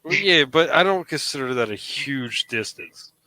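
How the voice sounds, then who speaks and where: Bright-voiced man in his thirties. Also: mid-range voice, lively intonation, moderate pace, dry recording, rough recording. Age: 30s. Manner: rambling, many restarts. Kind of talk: casual chat.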